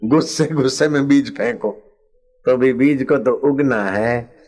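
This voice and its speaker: An older man delivers a devotional sermon at an unhurried pace, pausing between phrases. He drifts into chanted refrains and acts out the voices of his story's characters. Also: mid-range voice, a little mellow. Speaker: spiritual preacher.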